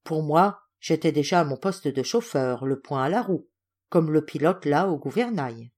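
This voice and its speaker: A woman reading a literary fairy tale aloud as an audiobook narrator, in an expressive, theatrical storytelling style. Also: sits low, moderate pace, breathy edge. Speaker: audiobook reader.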